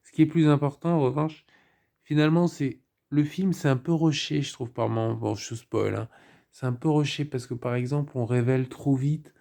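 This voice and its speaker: Male film reviewer, low gravelly voice with a mellow tone, rambly and wry. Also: moderate pace. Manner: rambling, with ironic joking asides. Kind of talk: casual spoken film review.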